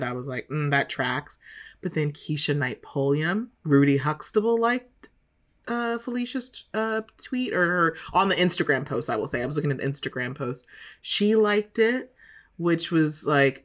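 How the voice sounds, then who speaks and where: Low-voiced animated woman co-host. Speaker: podcast co-host. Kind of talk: casual chat.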